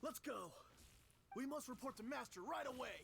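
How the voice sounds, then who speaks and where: A high, gravelly henchman. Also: lively intonation, normal speed, fairly bright tone, heavily acted. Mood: hurried. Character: nervous, defiant hired henchman. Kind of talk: video game voice acting.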